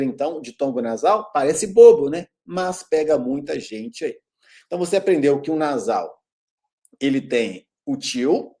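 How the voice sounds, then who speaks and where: Lively Brazilian man teaching grammar. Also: on the high side. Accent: Brazilian Portuguese. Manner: lively, calls out to viewers, drawn-out example words. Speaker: Portuguese teacher. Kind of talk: video grammar lesson.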